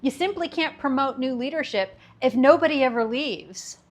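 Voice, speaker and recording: A woman's voice: sits high, expressive, normal speed. A woman in her fifties hosting a commentary video, talking in a wry, sarcastic way and laughing between her jokes. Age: 50s. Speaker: video host. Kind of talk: scripted commentary monologue.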